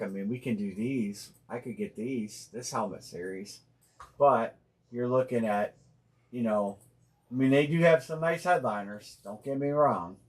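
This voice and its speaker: A man with a fairly low voice hosts a casual live stream about sports collectibles, thinking out loud as he goes. He talks bluntly and drops slang, and he trails off and restarts his sentences often. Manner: rambling, thinking aloud with many fillers and restarts; plainspoken and blunt, uses slang. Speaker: host of a live sports card break stream.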